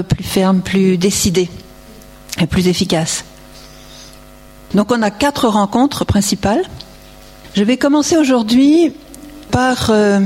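A nun leading a spiritual retreat, speaking earnestly and reading from the gospel, with frequent small fillers. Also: female voice, medium pitch, darkish tone.

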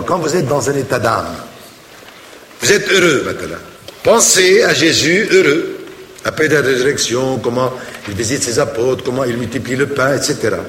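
A man's voice: mid-range voice, slight background noise. Man preaching in an echoey church. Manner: storytelling, animated. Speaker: priest. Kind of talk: sermon.

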